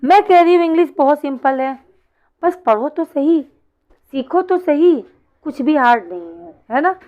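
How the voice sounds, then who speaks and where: A woman's voice: high voice, animated, normal speed, no room sound, lo-fi sound. A woman teaching an online English class, explaining step by step and answering her own questions.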